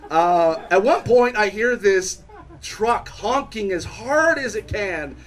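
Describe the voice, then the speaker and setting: A young man tells a stand-up story at a live show in a bar. His voice sits high and leaps around constantly. He trips over his words and restarts while the tale tumbles out. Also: slow pace, poor audio. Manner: rambling, self-interrupting, animated. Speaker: stand-up comedian.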